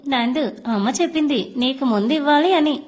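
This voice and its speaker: A shy young bride from a storybook, sweet and bashful with her new husband, voiced by a woman. Her voice is high and bright. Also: fairly quick, natural voice.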